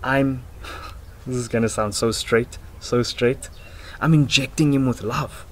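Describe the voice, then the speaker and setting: Sitting out on a house porch, a man in his twenties rambles casually at a slow pace in a medium-pitched voice, excitable and slangy, swearing and giggling. He's a self-improvement vlogger, captured noisily by a built-in laptop microphone held at arm's length.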